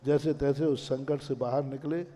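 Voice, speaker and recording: Preaching monk in a reverberant hall. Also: male voice, mid-range voice, fairly even intonation, moderate pace, warm tone. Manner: storytelling, rhetorical questions, voices his own mind in dialogue. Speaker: Jain monk giving a discourse. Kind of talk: sermon.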